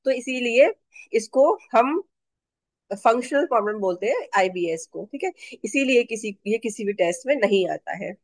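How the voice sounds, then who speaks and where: A woman's voice: a little high, lively intonation, normal speed, no room sound. A woman teaching a neurotherapy class on a video call, explaining patiently, checking in with her listeners and mixing in English terms. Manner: explanatory, repeats and checks understanding; mixes English terms into speech. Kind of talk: online class lecture. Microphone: video call mic.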